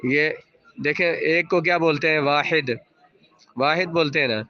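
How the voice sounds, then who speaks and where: A man's voice: a little high, sharp tone, lo-fi sound. A male teacher giving a classroom grammar lesson, parsing sentences aloud and patiently quizzing students and repeating their answers.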